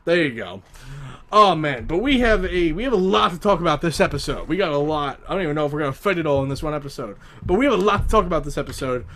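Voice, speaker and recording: A man's voice: on the high side, lively intonation, quick pace, fairly bright tone, slight background noise. A young man co-hosting a casual podcast, teasing and laughing often as he talks with a friend. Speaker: podcast co-host. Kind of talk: casual chat. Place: home, on a call.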